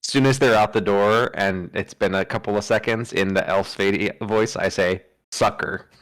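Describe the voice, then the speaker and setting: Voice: low-pitched, steady tone, moderate pace, smooth, no room sound, low-quality recording. A player chatting casually during a tabletop role-playing game.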